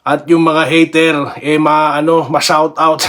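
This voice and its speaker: This is a man hosting a casual basketball vlog, his voice sitting a little high for a man. He rambles in a friendly way, laughs often and keeps tossing little tag questions at his viewers. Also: completely flat delivery, unhurried, fairly bright tone. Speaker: basketball vlogger. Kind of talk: casual sports commentary vlog.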